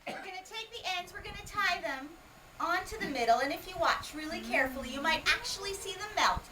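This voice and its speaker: With an extremely high pitch and a fairly quick pace, this Hawaiian woman jokes through her magic act, quizzing and ribbing a small parlour crowd. The mic is distant, and steady noise runs underneath.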